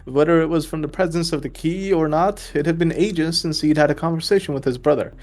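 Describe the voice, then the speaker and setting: A man's voice: fairly high pitch, fairly quick, a little mellow. Joking man reading a story aloud. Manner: laughs often, joking. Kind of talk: casual group reading and chat.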